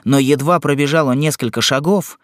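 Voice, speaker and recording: A man narrating a classic novel as an audiobook, in a measured, expressive reading. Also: fairly high pitch, no echo, clean studio sound.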